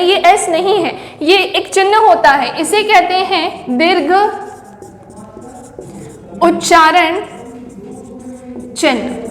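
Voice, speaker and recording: A woman teacher giving a grammar lesson, who keeps asking the class questions and then answering them herself. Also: very high-pitched. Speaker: Hindi teacher. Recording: echoey room with long reverb.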